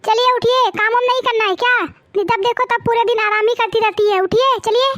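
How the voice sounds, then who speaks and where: A woman's voice: very high-pitched, fairly even intonation, fairly quick, fairly bright tone, no echo, highs cut off. A woman voicing a cruel, lazy young daughter-in-law in a cartoon, bossy and sneering. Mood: scornful. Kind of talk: cartoon voice acting.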